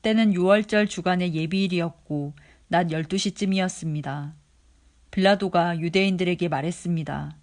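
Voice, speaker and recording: A reader giving a steady, measured daily scripture reading. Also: medium pitch. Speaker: Bible reader.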